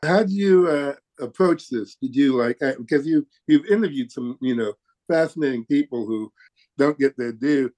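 A man's voice: medium pitch, normal speed, a little mellow. A man hosting a radio interview, asking hesitant questions full of fillers. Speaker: radio music director and guest host.

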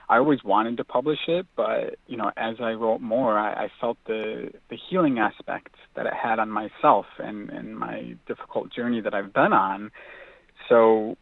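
Phoning in to a radio interview, a young author and mental health advocate talks in an earnest, reflective way, using lots of fillers. He has a fairly low pitch with vocal fry, heard over a dry, tinny phone line.

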